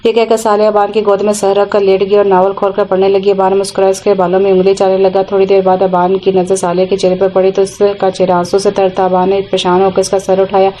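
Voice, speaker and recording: A woman narrating an audio novel in an even, unhurried reading. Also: medium pitch, a little hiss or hum, rough recording.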